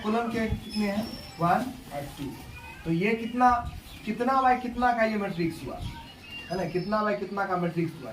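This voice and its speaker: High-voiced male teacher in echoey room. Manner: repetitive, asks and answers his own questions. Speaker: math teacher. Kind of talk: classroom lecture. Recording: echoey room, distant mic, background noise.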